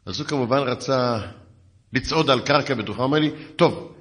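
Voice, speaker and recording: A man gives a rabbi's lecture in the manner of a lively storyteller, slipping into dry sarcasm. His voice is mid-pitched, neither high nor low. The sound carries a long reverb, as in a large lecture hall. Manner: lively storyteller, dry sarcasm, acts out both sides of dialogues. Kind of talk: storytelling lecture with acted quotes.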